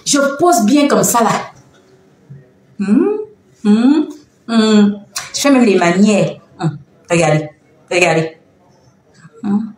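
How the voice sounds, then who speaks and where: A woman hosting a casual live stream from home, talking in an animated, teasing way and laughing often. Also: mid-range voice, slow pace, long pauses. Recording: very echoey room, faint background noise.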